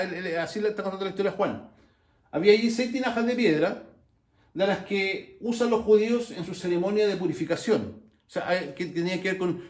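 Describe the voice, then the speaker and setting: High-voiced Chilean preacher in an echoey room. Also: male voice. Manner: storytelling with humor, many restarts and asides. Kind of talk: conversational sermon.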